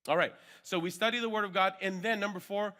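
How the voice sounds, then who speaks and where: This workshop trainer, teaching Bible discipleship, has a high, sharp voice, fairly even intonation, and a quick pace. His informal delivery to the group slips between English and Hmong, peppered with check-ins such as "okay" and "right."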